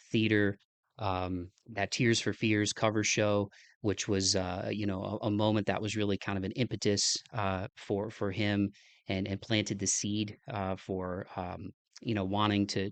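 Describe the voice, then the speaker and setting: A young man with a Midwestern American accent closes out his podcast in a relaxed, rambling chat. He fills the gaps with plenty of "uh"s and restarts. His voice sits fairly low, and the recording is dry and close with no room sound. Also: dry recording. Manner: loose and rambling, many fillers and restarts. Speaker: podcast host. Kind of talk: casual podcast outro.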